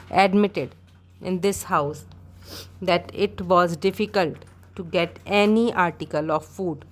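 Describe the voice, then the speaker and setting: A woman reading out a speech as dictation practice, in short, measured phrases with clear gaps between them. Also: fairly low pitch.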